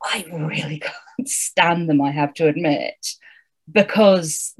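A woman's voice: low-pitched, slow pace, husky. Wry woman co-hosting a book chat. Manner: thoughtful, wry, lively reader. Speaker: podcast co-host.

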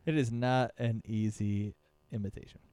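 A man chatting casually about movies, lively and swearing freely, often trailing off and restarting. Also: lowish voice, normal speed, clean tone, no room sound, studio quality.

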